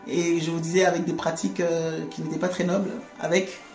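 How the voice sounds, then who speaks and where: A woman giving a conversational faith testimony, animated, laughing often and repeating words. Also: lowish voice, fairly quick. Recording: echoey room with faint music.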